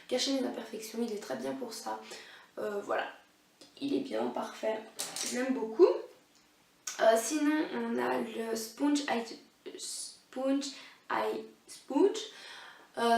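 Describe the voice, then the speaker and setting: A woman's voice: on the high side, creaky, a little mellow. A young woman reviewing makeup brushes in a casual, hesitant way, with many fillers and restarts. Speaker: beauty vlogger. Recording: echoey room, voice a bit far from mic.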